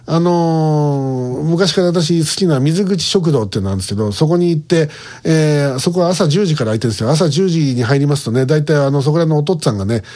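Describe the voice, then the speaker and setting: A middle-aged man hosting his own online show, telling a long casual story full of fillers and restarts. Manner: rambling, lots of fillers and restarts; animated, pitch swinging up and down. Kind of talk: casual monologue recounting a trip.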